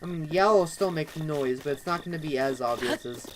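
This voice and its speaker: A gamer talks casually over gameplay and rambles from one thought to the next, leaning on "actually" and "kind of". The pitch sits in a middle range. The voice comes through a noisy home recording with the game audio running underneath. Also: brisk. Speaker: let's play commentator.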